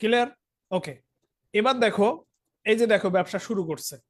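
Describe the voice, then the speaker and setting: A man's voice: high voice, a little fast. A young man with a Bangladeshi Bengali accent, teaching an accounting lesson online. He talks straight to his students and keeps asking whether they follow. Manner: talks directly to students, asks frequent check questions. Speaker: accounting tutor. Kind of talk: online lesson, explaining while writing on a tablet.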